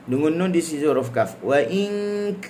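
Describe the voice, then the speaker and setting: A man's voice: mid-range voice, fairly quick, a little mellow, slight background noise. A man with a Malaysian Malay accent teaching Quran recitation in a live lesson. He breaks words into repeated syllables and then chants the verses melodically.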